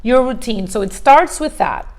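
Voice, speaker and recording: A woman's voice: a little high, animated, moderate pace. A middle-aged woman leading a motivational workshop in a conversational way, asking rhetorical questions and acting out examples. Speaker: coach.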